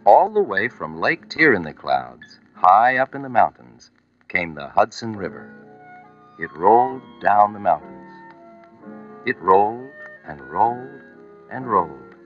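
A man reads a children's story aloud at an unhurried pace, his fairly low voice rising and falling with lots of expression. The recording sounds muffled, like an old vinyl storybook record, and faint music plays underneath. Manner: slow, expressive reading with lively, rising and falling pitch. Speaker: narrator. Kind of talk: storybook narration.

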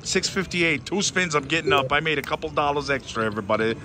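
A man giving casual, excited, theatrical commentary as he gambles, repeating phrases pleadingly and addressing his viewers. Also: fairly high pitch, fast talker, a little hiss or hum. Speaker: slot machine gambling vlogger. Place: busy casino floor at a slot machine. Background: slot machine music.

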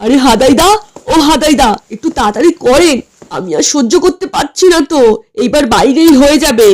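A harried young cartoon husband, voiced by a woman, urgent and pleading in tone. The pitch is pushed lower than her naturally high voice. It is a light comic cartoon read. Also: expressive, a little fast, darkish tone.

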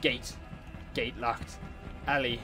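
A man giving excitable, swear-laden let's play commentary as a gaming streamer. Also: medium pitch, slow, music in the background. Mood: frantic. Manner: excitable, profane banter.

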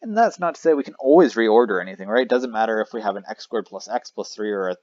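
Drawing on a whiteboard, a man teaches math in a relaxed way, filling his speech with "uh" and fixing his own slips. He speaks quickly in a lowish, slightly mellow voice with lively intonation, recorded dry on a somewhat dull lo-fi mic.

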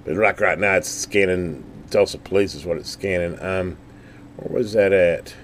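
A scanner hobbyist gives a casual, unscripted product overview, rambling in a folksy way and thinking aloud. His low voice stays steady at a moderate pace, with a little hiss or hum in the recording.

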